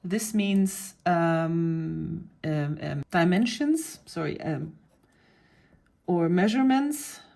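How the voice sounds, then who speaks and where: A woman's voice: lowish voice, expressive, drawn-out words, gravelly, darkish tone. A woman vlogger patiently explaining and pointing things out in a casual show-and-tell about her cross-stitch hobby.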